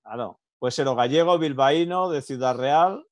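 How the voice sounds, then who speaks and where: A man from Galicia making quick guesses and swearing casually in a video-call chat. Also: mid-range voice, no echo. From Galicia, Spain. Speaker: co-host. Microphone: video call with earphones.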